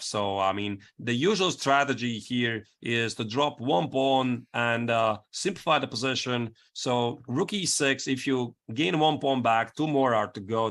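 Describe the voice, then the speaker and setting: Mid-pitched man analysing chess conversationally. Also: normal speed, hardly any pauses, a bit bright. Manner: thinks aloud, explaining moves step by step.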